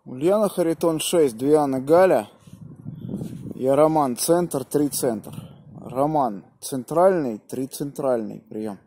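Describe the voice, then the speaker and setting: Speaking slowly in a mellow, medium-pitched voice, a ham radio operator in his thirties talks casually and spells out call signs. He's recording on a phone camera at arm's length in a snowy park at evening, and there's slight background noise.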